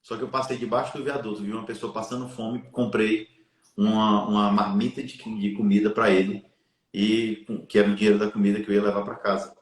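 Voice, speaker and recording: A man's voice: lowish voice, level tone, a little fast. Earnest man telling a faith story, echoey room. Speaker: live stream guest. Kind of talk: storytelling in a live chat.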